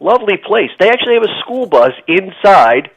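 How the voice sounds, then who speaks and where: Animated joking man on radio. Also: sits high, brisk, vocal fry, lo-fi sound. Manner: jokey, animated, plugging gigs. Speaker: band member and guest. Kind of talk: casual radio chat. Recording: radio broadcast.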